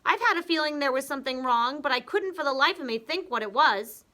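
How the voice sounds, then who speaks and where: A woman's voice: high-pitched, animated, a little fast, pushed and bright, pitched above the performer's own voice. A woman voicing a panicking old wife who cries out in a storybook reading. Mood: panicky. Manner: panicky crying out.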